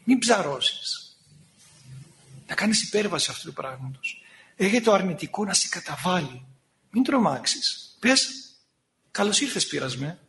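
A man preaching a sermon in an animated way, sometimes scolding and acting out the voices he quotes. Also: high voice, long pauses.

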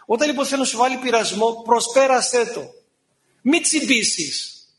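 Preaching with great animation, this man has an extremely high-pitched voice; he sometimes scolds and performs the voices he quotes.

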